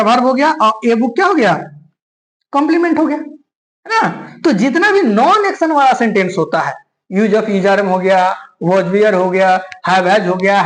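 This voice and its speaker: Woman, grammar teacher, animated sing-song delivery, somewhat high voice, repeats each point. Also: reverberant, poor audio. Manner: repeats key points, checks in with listeners. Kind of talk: classroom grammar lesson.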